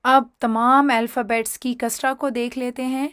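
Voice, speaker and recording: Clear, dry-voiced woman teaching reading. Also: on the high side, level tone, fairly bright tone, dry recording. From Pakistan. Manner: sounds out syllables slowly, repeating each word; patient, step-by-step explaining. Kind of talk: online reading lesson.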